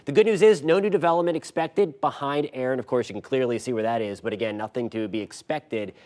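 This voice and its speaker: A man's voice: mid-range voice, fast talker, a little mellow. Folksy American man giving a local forecast. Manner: folksy, informal local news delivery. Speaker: TV weather forecaster. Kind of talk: live local weather forecast, conversational.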